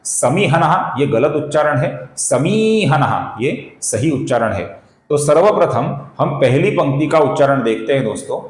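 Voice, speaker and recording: A man teaching the correct pronunciation of a Sanskrit verse in a slow, careful recitation lesson, breaking words down syllable by syllable and chanting the lines, often calling his listeners friends. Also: medium pitch, echoey room. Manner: addresses viewers as friends.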